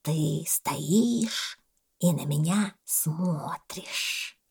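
A woman voicing a sleepy male boa snake who speaks slowly in a low, hushed half-whisper. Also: vocal fry, husky, heavily acted. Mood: calm drowsy.

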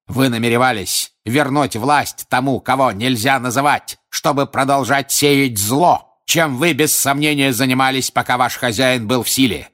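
A man voicing a hateful, stern older male judge who declaims and shouts harshly, in an audiobook. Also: on the low side, unhurried. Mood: raging. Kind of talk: audiobook character voice.

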